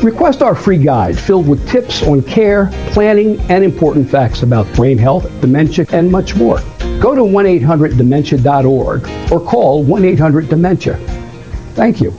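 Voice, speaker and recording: An American man delivers a scripted public service message. His voice is highish with noticeable creak and lively movement. The sound is a bit dull, with guitar underneath. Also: moderate pace. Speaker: charity spokesman. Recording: dull band-limited sound. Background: plucked guitar music.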